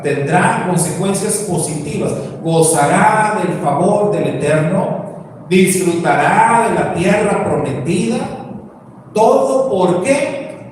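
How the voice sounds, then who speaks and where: A man with a Mexican Spanish accent, teaching a sermon slowly and asking rhetorical questions. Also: high-pitched, a little mellow. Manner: slow, explanatory, asks rhetorical questions. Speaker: preacher. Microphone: distant from the mic. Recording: echoey hall, distant mic, faint noise.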